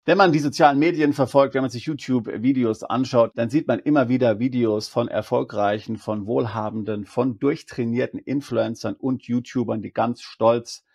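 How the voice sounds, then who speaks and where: A man with a gravelly, husky voice talks straight to his viewers as a tax advisor. He works through legal rules step by step, reading out the law text and explaining it in plain terms. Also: mid-range voice, moderate pace, few pauses, darkish tone. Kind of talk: explanatory video talk.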